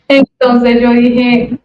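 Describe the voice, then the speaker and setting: A young woman giving a personal faith testimony as an interview guest, telling her story in a lively way and acting out what others said. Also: on the high side, roomy sound, lo-fi sound. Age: young adult. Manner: animated storyteller who acts out quoted dialogue.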